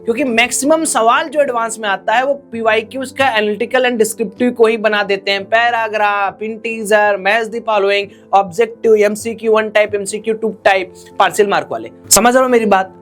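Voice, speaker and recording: A man's voice: sits high, fairly even intonation, moderate pace, few pauses, a bit bright, faint music behind. Man giving blunt exam advice. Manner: direct, exhorting, addresses viewers as friends. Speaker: exam coach.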